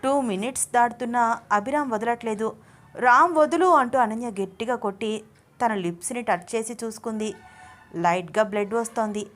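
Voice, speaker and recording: Female storyteller, gentle and even, steady reading pace. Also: on the high side, moderate pace, faint music behind. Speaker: story narrator. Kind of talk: scripted storybook narration.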